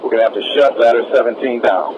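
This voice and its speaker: A man commanding a fire scene as chief over two-way radio, giving urgent, terse orders with hesitant pauses. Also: mid-range voice, dull audio. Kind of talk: urgent firefighter radio communication. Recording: noisy fireground radio transmission.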